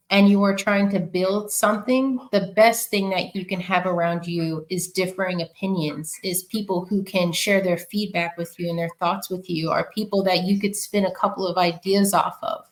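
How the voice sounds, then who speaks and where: A woman with a New York accent speaks as a guest on a podcast, answering questions over an online video call. She gives earnest, measured advice at a mid-range pitch, moving steadily through long sentences with occasional fillers. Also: low-quality recording. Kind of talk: interview answers, giving advice.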